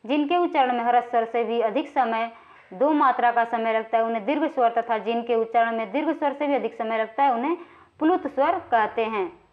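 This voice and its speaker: A woman with a high voice gives an exam-prep grammar lecture, working through quiz questions one by one. She explains patiently and often pauses to check that her students are following. The recording sounds a little dull and lo-fi. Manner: explanatory, frequently checks in with "ठीक है" and draws vowels out when naming sounds. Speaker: Hindi grammar teacher.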